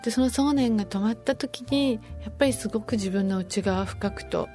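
Calm earnest woman guest. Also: mid-range voice, brisk. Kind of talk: casual conversation. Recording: faint music behind.

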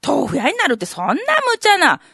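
Brief: naive Kansai fellow in rakugo, played by a woman, pestering and incredulous, lively pitch. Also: a little fast, gravelly, no room sound, clean studio sound, heavily acted. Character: naive, uneducated Kansai man asking questions. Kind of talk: rakugo storytelling.

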